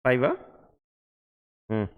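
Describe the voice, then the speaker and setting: A male teacher with a Telugu-accented Indian English voice lectures at an unhurried, slow pace. He speaks in short instructional phrases and often puts brief questions to students. The room adds a long, echoey reverb. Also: narrow, tinny audio. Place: indoor teaching studio or classroom.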